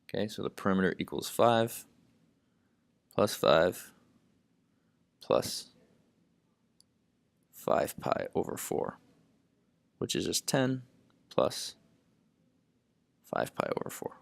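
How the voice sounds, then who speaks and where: A man's voice: sits low, sing-song, slow pace, vocal fry, pauses often, no echo. A man explaining math problems step by step, thinking aloud and saying "okay" at nearly every step. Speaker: math tutor. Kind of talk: lesson narration while writing.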